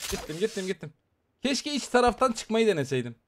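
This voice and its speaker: A man giving excited, chatty live commentary on a mobile shooter game, talking straight to his viewers as he plays. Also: high voice, a little fast. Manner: excitable, chatty, talks to viewers while playing. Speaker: gaming YouTuber.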